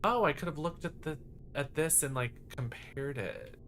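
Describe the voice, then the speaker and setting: A campy streamer with a mid-pitched, very animated voice chats casually through a game and with viewers, full of exclamations and drag slang. Clear background noise and ambience sit behind the voice. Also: moderate pace. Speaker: live streamer and host. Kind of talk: casual live gaming commentary and chat with viewers.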